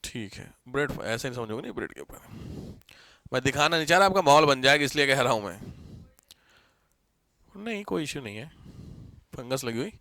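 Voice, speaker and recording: A man's voice: mid-range voice, lively intonation, fairly quick, long pauses, pushed and bright, no room sound. A man teaching an online class, chatty and teasing, mixing English terms into his explanations.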